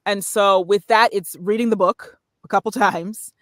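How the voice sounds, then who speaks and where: In casual interview talk, a podcast guest who does voiceover work chats about narration, performing small examples along the way. She has a mid-range, slightly bright voice with fairly even intonation at normal speed, recorded at studio quality with no echo.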